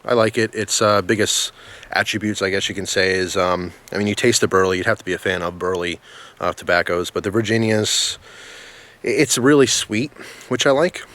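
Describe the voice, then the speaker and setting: Very low-voiced man, casual reviewer. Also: steady tone, moderate pace, fairly bright tone. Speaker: pipe tobacco reviewer. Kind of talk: casual product review vlog. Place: outdoors in the snow in winter.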